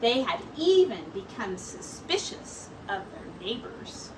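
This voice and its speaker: Slow and deliberate, a female teacher tells a children's story in a high, expressive voice, occasionally turning to speak briefly to her audience. She's recorded from afar, with a little background noise audible.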